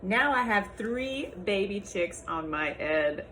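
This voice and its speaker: A woman voicing an excitable, worried pig from a storybook, full of exclaiming, incredulous questions. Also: mid-range voice, slow, a little hiss or hum. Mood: exasperated alarm. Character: excitable, worried cartoon pig with birds on head.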